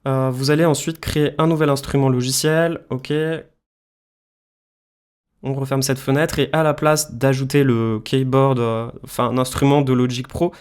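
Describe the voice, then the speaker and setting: In this casual screen-share software tutorial, a man explains music production informally, one step at a time. He speaks at a moderate pace in a mid-range voice whose delivery is flat, while the tone is darkish, clear and resonant.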